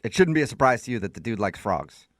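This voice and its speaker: Fast-talking, lively male radio host. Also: medium pitch. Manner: teasing, laughing, upbeat. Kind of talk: radio prank-style phone call. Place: radio studio.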